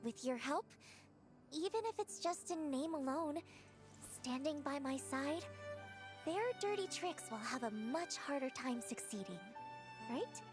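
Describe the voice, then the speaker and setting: A woman's voice: high voice, animated, unhurried, music in the background. An actress voicing a determined young female idol in a video game, speaking in an earnest, composed, articulate way. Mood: earnest resolve. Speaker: game character voice actor. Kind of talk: scripted video game dialogue.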